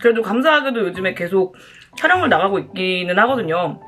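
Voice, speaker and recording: A woman's voice: medium pitch, animated, quick pace, a bit bright, faint music behind. A woman chatting casually to viewers as a mukbang host, talking between bites while she eats.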